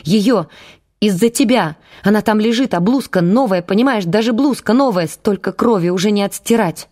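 A woman voicing a distraught young woman in an audiobook, shouting accusations in raw grief. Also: mid-range voice, normal speed, voice pushed up, close to an everyday voice. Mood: furious. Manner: shouting, accusing, near hysterics.

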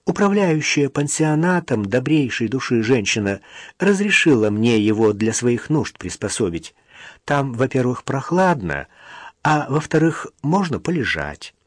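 A man voicing a frail, stubborn old man who speaks quietly and firmly with gentle irony, in an audiobook reading. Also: medium pitch, sing-song, unhurried, dry recording. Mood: drawling. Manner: quiet, firm, gently ironic.

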